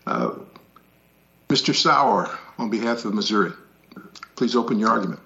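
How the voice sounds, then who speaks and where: Casting: male presiding judge, low creaky voice, hesitant measured delivery, dull call audio. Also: sing-song, bright, forceful tone. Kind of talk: formal, unscripted courtroom remarks. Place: virtual court hearing.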